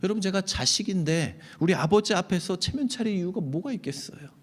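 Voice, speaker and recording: A man's voice: high-pitched, expressive, a little fast. A middle-aged man preaching a Sunday sermon as a pastor. He talks directly and conversationally to the congregation, dropping to near-whispers and then rising to emphatic peaks. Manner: swings between hushed, near-whispered asides and raised, emphatic peaks.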